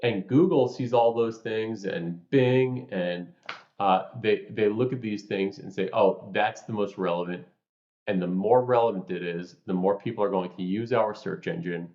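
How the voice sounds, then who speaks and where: A man from New York co-hosting a podcast, explaining ideas through lively stories and examples. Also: fairly low pitch, normal speed. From New York, USA. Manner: animated storyteller, explains with examples. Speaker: podcast co-host. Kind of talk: casual podcast chat. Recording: roomy, slightly dull sound.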